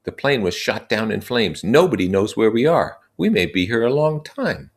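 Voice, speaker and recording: An earnest storybook boy, voiced by a man addressing his group as its young leader. The pitch is lifted, and each plain statement comes out eager and reasonable. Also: very animated, normal speed, breathy edge, heavily acted. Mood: earnest, serious. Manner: declaring in short, plain statements.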